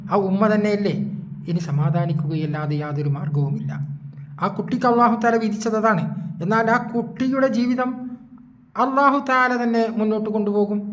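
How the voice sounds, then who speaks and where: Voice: medium pitch, a little hiss or hum. A preacher gives a religious sermon with a moral story. The speaker talks emphatically, repeats phrases and asks the listeners rhetorical questions. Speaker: Islamic preacher.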